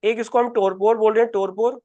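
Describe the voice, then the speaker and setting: A man teaches English vocabulary in Hindi with an Indian accent, racing through words in a very high voice. He keeps posing questions and answering them himself. The sound is dry and close. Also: steady tone, quick pace, dark tone, dry recording, muffled recording. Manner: repetitive, asks and answers his own questions. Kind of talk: Hindi exam-prep lesson, explaining words.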